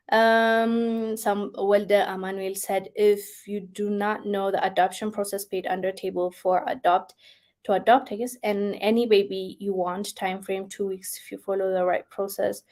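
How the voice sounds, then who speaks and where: A woman hosting a casual chat show, reading out viewer comments and reacting in an expressive way, often laughing and moving between soft and excited tones. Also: medium pitch, a little slow. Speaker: host.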